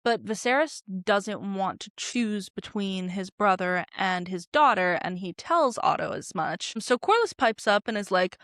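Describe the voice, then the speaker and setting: A woman hosting a casual TV recap, opinionated and animated, with sarcastic asides. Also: medium pitch, measured pace, hardly any pauses, dry recording, studio quality. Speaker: TV recap host.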